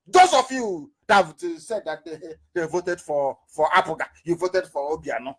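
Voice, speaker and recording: A man's voice: fairly high pitch, very animated, moderate pace, breathy edge. A middle-aged man giving an impassioned political address, firing off rhetorical questions and repeating words for emphasis. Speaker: political broadcaster.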